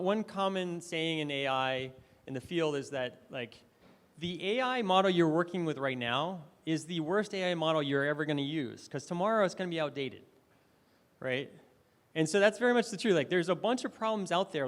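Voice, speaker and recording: A man giving a conversational, enthusiastic conference presentation, checking in with the audience with questions as he goes. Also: fairly high pitch. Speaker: conference speaker. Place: conference hall. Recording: long hall reverb.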